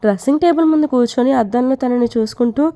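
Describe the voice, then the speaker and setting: A woman who tells a romantic story, narrating in a steady, unhurried reading voice. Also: high voice. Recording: dull lo-fi recording.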